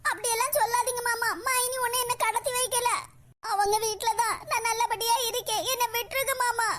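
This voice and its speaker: A woman voicing a scared young woman who begs her uncle to let her go, very high-pitched and bright. Her pleas are tearful, spoken in a Kanyakumari Tamil accent. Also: level tone, a little fast. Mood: pleading. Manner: pleading, tearful.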